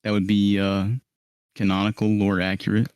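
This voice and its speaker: A man acting as game master, calmly briefing players with many ums before a live tabletop role-play. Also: on the low side, moderate pace, clear, resonant tone, no echo. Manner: calm, directive, frequent ums. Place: live stream.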